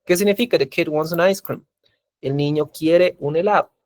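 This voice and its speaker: A man's voice: on the high side, normal speed, dry recording. A man teaching an English class, patiently repeating examples and asking his students questions. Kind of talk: recorded class lecture in Spanish.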